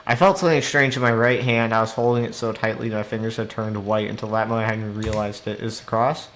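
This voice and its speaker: A man's voice: on the low side, fairly even intonation, fast talker, fairly bright tone, a little hiss or hum. A man streaming a game live, reading its story text aloud and breaking off to react with swearing and laughs. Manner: reads narration then reacts with swearing and laughter.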